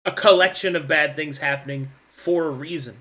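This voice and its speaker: Bright, animated male game master. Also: a little high, normal speed. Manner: animated, swears freely. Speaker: game master of a tabletop campaign. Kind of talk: casual game-table chat.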